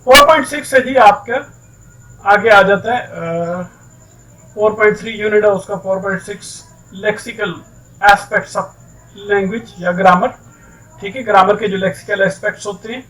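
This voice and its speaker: A man teaches English in a recorded online lecture, his voice sitting on the high side. He sounds set back from the microphone. He explains patiently and keeps mixing English phrases into his talk. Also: normal speed, sharp tone, distant mic, rough recording. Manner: explains step by step, keeps saying "ठीक है".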